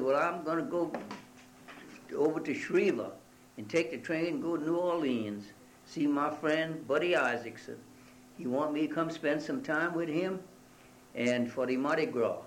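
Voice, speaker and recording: A man's voice: mid-range voice, normal speed, slight background noise, natural voice, low-quality recording. A man doing a folksy Cajun bayou storyteller. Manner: broken dialect English with French phrases.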